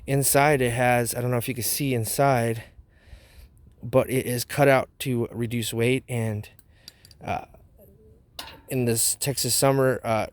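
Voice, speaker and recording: A man's voice: mid-range voice, steady tone, unhurried, pauses often. A man hosting a casual product review vlog outdoors, talking with a wad of chewing tobacco dip in his mouth. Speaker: knife review channel host.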